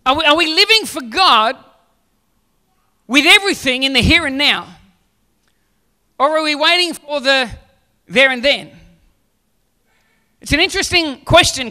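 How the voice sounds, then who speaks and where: A man's voice: very high voice, bright, forceful tone. A man in his forties, a pastor preaching a sermon on a church stage into a handheld mic, joking with the audience and then pressing questions. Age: 40s.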